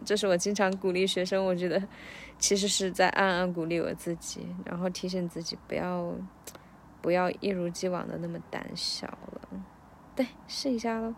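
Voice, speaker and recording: In a casual self-recorded practice vlog, a thoughtful female English teacher whose first language is Chinese coaches herself through song lyrics. Her slightly low voice is reflective as she breaks the lyrics into slow drills, and there's a faint hiss or hum.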